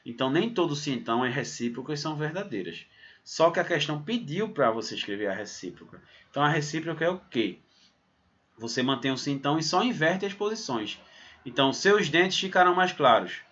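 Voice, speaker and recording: A man from Pernambuco teaching a recorded math lesson, talking it through step by step with a lively delivery and frequent "né?" tags. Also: fairly high pitch, fairly quick, slight background noise. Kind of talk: recorded exam-prep lesson. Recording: slightly dull, muffled sound.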